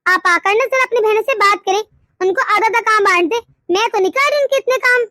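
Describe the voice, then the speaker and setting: A woman voicing a complaining, sharp-tongued young wife in a cartoon story. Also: very high-pitched, brisk, no echo, clean studio sound. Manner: whiny, indignant.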